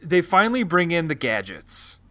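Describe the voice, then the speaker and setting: A man's voice: a little high, big pitch swings, moderate pace, sharp tone. A man co-hosting a film review show, chatting casually with emphatic, comic commentary and some swearing. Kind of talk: casual comic movie recap chat.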